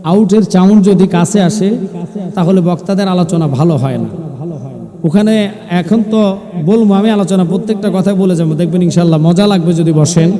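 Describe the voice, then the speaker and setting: High-voiced preacher over a PA. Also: male voice, normal speed, mellow. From Bangladesh. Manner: provocative, teasing the crowd with questions; chants and sings religious phrases. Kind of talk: Islamic sermon to an outdoor gathering. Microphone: loudspeaker microphone. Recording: echoey PA sound at a crowded gathering.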